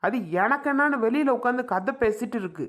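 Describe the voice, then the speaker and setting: Woman voicing a fed-up, slightly high-pitched young father who scolds. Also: expressive, quick pace, natural voice. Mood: scolding. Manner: exasperated scolding. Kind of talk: comedy skit acting.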